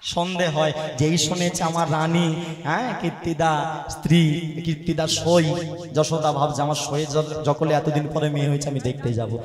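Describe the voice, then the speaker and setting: High-voiced man telling a devotional story. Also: little pitch movement, moderate pace. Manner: dramatic, acts out the characters. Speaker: kirtan singer and storyteller. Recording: echoey hall with music.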